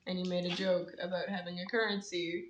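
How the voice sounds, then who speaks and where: A woman's voice: on the low side, a little fast, slight background noise. Teasing teenage girl chatting in an echoey room. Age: teens. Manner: chatty, teasing, deadpan asides. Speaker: podcast co-host. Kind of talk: casual chat.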